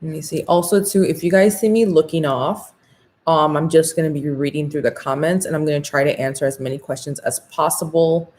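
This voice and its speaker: Woman, American accent, slightly low pitch, talking with braces, upbeat, informal, live beauty workshop host. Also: fairly quick. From Orlando, Florida, USA. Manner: talking with new braces on her teeth; upbeat, excited, informal and slangy. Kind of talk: casual live-stream class, chatting with viewers.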